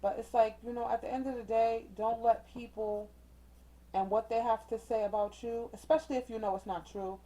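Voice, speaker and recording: Chatty and encouraging, this woman gives a casual oracle card reading straight to her viewers, using slang, mild cussing substitutes and lots of "okay?" check-ins. She's a tarot reader set up indoors with a ring light. Her fairly high, mellow voice is brisk and steady, though the audio is poor.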